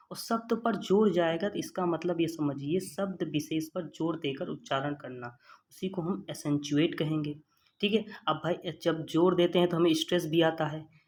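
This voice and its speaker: A vocabulary tutor with a fairly high voice teaches an exam-prep lesson, explaining patiently and spelling words out letter by letter. He keeps checking in with "okay" and calls his viewers his friends. A little hiss or hum is audible.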